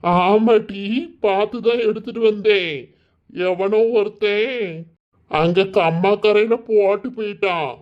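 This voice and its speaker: A woman's voice: mid-range voice, fairly even intonation, slow pace, dull audio, close to an everyday voice. A woman voicing a fretful elderly village grandfather in a cartoon, speaking with a Kanyakumari Tamil accent. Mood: worried.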